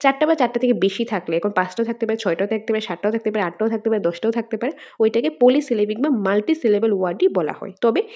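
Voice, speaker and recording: A woman's voice: fairly high pitch, animated, racing, few pauses, darkish tone, highs cut off. A woman teacher giving an exam-prep lesson, sounding words out syllable by syllable and asking and answering her own questions.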